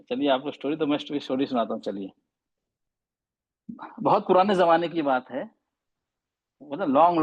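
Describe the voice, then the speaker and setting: A man's voice: a little high, slightly rough, highs cut off. A man teaching a class, patient, asking questions and repeating his points, mixing in English terms. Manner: mixes Hindi with English terms. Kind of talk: classroom lesson.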